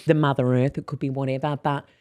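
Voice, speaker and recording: A woman's voice: extremely low pitch, level tone, quick pace, darkish tone, no echo. A woman, a podcast guest, talking in a musing, meandering way about spirituality. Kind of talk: casual chat.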